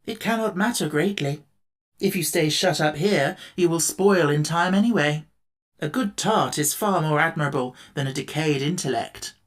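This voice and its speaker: A woman voicing a gentle but blunt man made of tin, matter-of-fact in tone. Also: deep voice, normal speed, close to an everyday voice.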